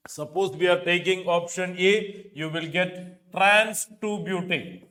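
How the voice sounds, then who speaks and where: A high-pitched, pushed and bright male voice keeps a steady tone at a slow pace. It belongs to a middle-aged Indian-accented chemistry teacher who works through questions in an exam coaching lecture, repeating key phrases for emphasis. The recording comes from a lapel mic in an indoor teaching studio with a digital board.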